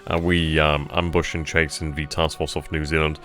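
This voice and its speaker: A gaming channel host streams a strategy game, thinking aloud about his moves and casually answering chat questions. His rumbling low voice is flat and at normal speed, a bit bright, with soft music playing behind.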